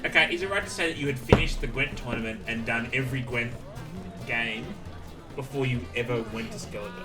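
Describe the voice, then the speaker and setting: A man's voice: medium pitch, fairly quick, distant mic, music in the background. A man chatting casually on a gaming stream, teasing a friend. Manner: teasing, joking storyteller. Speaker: co-host.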